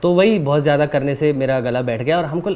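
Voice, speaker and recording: Soft-spoken man telling his story. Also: fairly high pitch, quick pace, slight background noise. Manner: relaxed storytelling, often ending with a tag question. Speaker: guest singer-songwriter. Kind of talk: casual interview chat.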